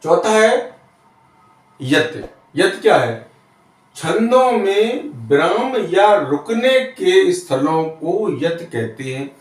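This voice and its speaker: A man teaches grammar in a lively, up-and-down voice that sits high for a man. He explains slowly and step by step, checking in with his students as he goes. He is recorded from a distance in a very echoey room. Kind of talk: classroom-style lesson.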